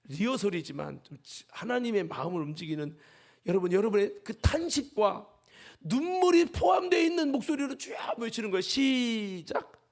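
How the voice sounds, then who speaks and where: Male pastor, sermon, gravelly high voice, whispers then shouts, jokes with the congregation. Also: animated, moderate pace. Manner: swings from hushed whispers to shouted peaks; jokes with and calls on congregation members. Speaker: senior pastor. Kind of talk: Sunday afternoon sermon.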